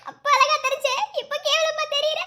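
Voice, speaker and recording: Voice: extremely high pitch, level tone, normal speed, sharp tone, full character voice. A performer voicing a betrayed young pregnant woman in a cartoon love story, pleading and wailing through tears.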